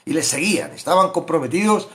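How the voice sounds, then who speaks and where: Animated man preaching. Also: on the high side, fast. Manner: animated, rhetorical questions, acts out quoted voices. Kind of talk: sermon-style Bible reflection.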